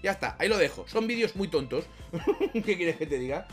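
A man's voice: fairly high pitch, lively intonation, moderate pace, faint music behind. A man from chatting casually in a rambling, self-mocking way, swearing often as he wraps up a vlog. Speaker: YouTuber.

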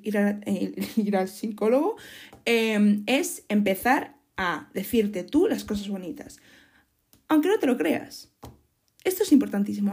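A young woman from Spain with a Spanish accent talks straight to her listeners in a casual podcast monologue. Her voice sits a little high but sounds mellow and husky. She is frank and chatty, stumbles, restarts and casually swears. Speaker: podcast host.

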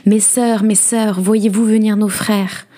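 A woman's voice: fairly low pitch, brisk, warm tone, lightly acted. A woman voicing a frightened young wife who stammers and pleads for her life in a storybook reading. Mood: pleading.

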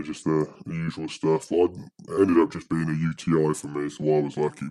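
A man speaking through a pitched-down voice disguise as an anonymous podcast guest, talking hesitantly and rambling with many fillers. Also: dark tone, no echo. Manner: hesitant, rambling, full of "you know". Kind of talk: casual chat.

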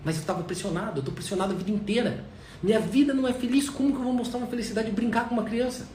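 A man with a Brazilian accent voicing a tired, gruff working father who is short with his son. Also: high-pitched, very fast, lightly acted. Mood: remorseful. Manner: impatient, shouting at first. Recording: echoey room, faint noise.

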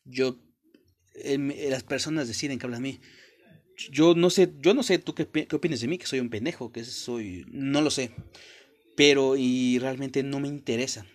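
A man's voice: mid-range voice, normal speed. A young Mexican man with a Mexican accent hosting a podcast, giving a blunt, profane motivational talk straight to the listener. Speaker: podcast host. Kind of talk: motivational monologue.

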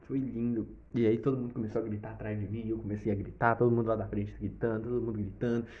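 A young man with a Brazilian accent telling a personal story in a casual, animated way, with sound effects and swearing. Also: fairly low pitch, fast. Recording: slightly dull lo-fi recording.

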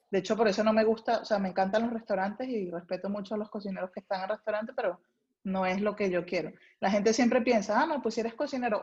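In dull-sounding audio, a young Venezuelan food writer talks about her life in a casual interview where she's the guest. Her voice is mid-range and a little mellow, and she has a Venezuelan Spanish accent.

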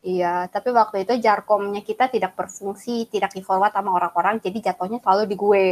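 A young adult woman co-hosting a podcast, telling a story and acting out the quotes in a lively way. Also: mid-range voice, fast talker. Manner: animated retelling with acted-out quotes. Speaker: podcast co-host. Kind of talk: casual chat, storytelling.

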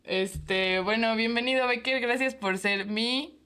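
A woman's voice: a little high, slow, sharp tone, smooth. A woman hosting a podcast, talking casually with lots of fillers and laughter. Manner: chatty, laughs often, rambling with fillers. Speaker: podcast host. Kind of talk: casual chat.

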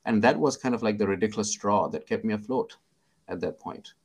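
Gravelly low-voiced Indian man. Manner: halting, many fillers and restarts, warmly self-deprecating. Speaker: guest, psychiatrist. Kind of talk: reflective storytelling interview.

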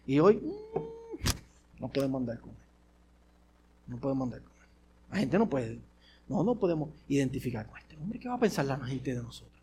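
A male pastor preaching a sermon, repeating rhetorical questions and swinging between forceful and hushed delivery. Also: medium pitch, wildly swooping pitch, moderate pace, pauses often, a little hiss or hum.

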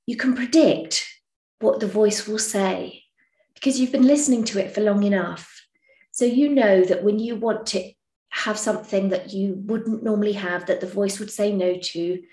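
Lady chatting frank and encouraging on her podcast, mid pitch, bit of room echo. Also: a little mellow. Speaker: podcast host. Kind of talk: casual advice talk. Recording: echoey room.

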